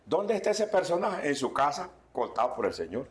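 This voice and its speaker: A man preaching a sermon as pastor, swinging between loud warnings and quiet asides. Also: on the high side, big pitch swings, a little fast.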